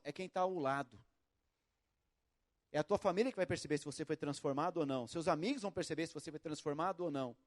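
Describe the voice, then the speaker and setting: High-voiced Brazilian preacher. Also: male voice. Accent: Brazilian Portuguese. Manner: animated storytelling with acted quotes and shouts. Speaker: pastor. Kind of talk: sermon.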